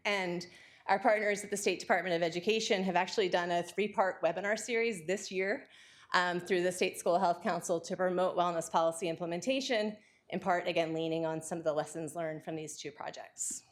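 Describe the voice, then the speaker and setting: A woman giving an academic lecture, talking quickly and excitedly with frequent fillers and restarts. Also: fairly low pitch.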